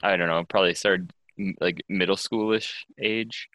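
Deep, bright-toned giggly podcast guy. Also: fairly even intonation, normal speed, no room sound. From Wisconsin, US. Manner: easygoing, giggly. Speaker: podcast co-host. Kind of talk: casual chat. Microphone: podcast microphone.

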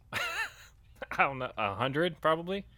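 Lively giggly podcast co-host man. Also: a little high, slow, no room sound. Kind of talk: casual comedic chat.

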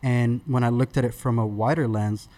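A man in his thirties, born in Sudan, who tells the story of starting his podcast as a guest on an interview show, speaking in a relaxed, conversational way with many fillers and restarts. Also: medium pitch, normal speed.

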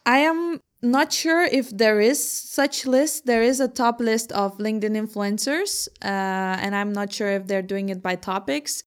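A young woman from Lithuania talks through her work as an entrepreneur in an interview. She answers in a measured, thoughtful way and laughs easily, with a voice of middling pitch for a woman. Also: steady tone.

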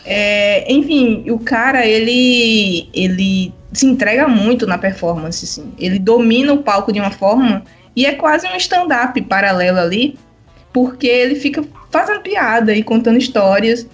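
An enthusiastic woman chats casually on a podcast, her voice sitting a little high. She talks fondly and loosely about live shows, with faint music underneath. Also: lively intonation, moderate pace. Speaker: podcast co-host. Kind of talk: casual chat.

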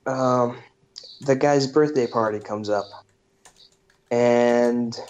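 A man's voice: mid-range voice, extremely slow, darkish tone. A man hosting a podcast, casually retelling a movie plot in a rambling way with lots of fillers. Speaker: podcast host. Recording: dull lo-fi podcast recording.

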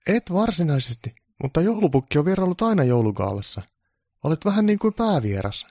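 A man voicing a pushy TV producer on the phone, with a high, pleading voice, in a comic story. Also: very animated, dark tone, no echo, studio quality.

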